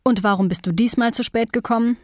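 A woman's voice: fairly high pitch, quick pace, dry recording, voice pushed up, natural voice. Grumbling, jealous young workshop apprentice, read by a woman, scornful, dry close sound.

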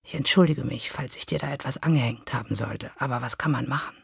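A woman's voice: sits low, steady tone, moderate pace, vocal fry, darkish tone, no echo, clean studio sound. Woman voicing a faint, whispering dying man. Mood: weary, rueful. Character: dying middle-aged man, weak and rueful.

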